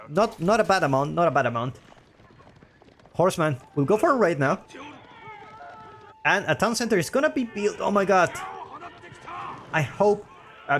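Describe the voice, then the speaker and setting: A man's voice: on the high side, a bit bright, slight background noise. A man with a Spanish accent, a native Spanish speaker, casting a strategy game match live and repeating his own phrases as he talks. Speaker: game caster.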